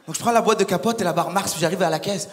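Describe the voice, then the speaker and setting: A young man doing a stand-up comedy set on stage, animated and acting out little scenes. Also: sits high, very fast, slight background noise. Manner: animated, acts out voices and characters. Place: large concert hall on stage. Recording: live hall with long reverb.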